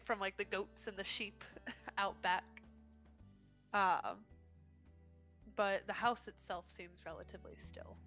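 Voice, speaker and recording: A woman's voice: mid-range voice, fairly bright tone. A woman narrating as the game master of a tabletop game, giggling often and filling her narration with ums and likes. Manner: giggly, loose narration with fillers.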